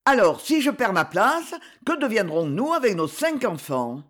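A stern little man of a father barks threats and scolds his son, voiced by a woman reader. His loud, gruff lines rise and fall in an animated storybook telling. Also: medium pitch, measured pace. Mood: angry scolding. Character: stern, stocky middle-aged gamekeeper father, threatening.

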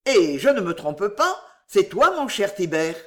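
Storybook fox, read by the narrator: sly, flattering, coaxing, animated delivery. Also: mid-range voice, a little slow. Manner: coaxing, wheedling.

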